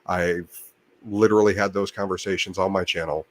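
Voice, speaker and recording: A man's voice: sits low, steady tone, brisk, no echo. A man hosting his own channel, talking casually on a livestream in a rambling way with many restarts and fillers. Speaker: channel host. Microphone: desk mic by a computer monitor.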